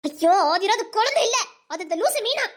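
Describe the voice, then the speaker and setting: A woman's voice: very high voice, very animated, brisk, a bit bright, heavily acted. A woman voicing an exasperated village mother who scolds bluntly, with a Tirunelveli Tamil accent. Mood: scolding. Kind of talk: Tamil serial drama dialogue.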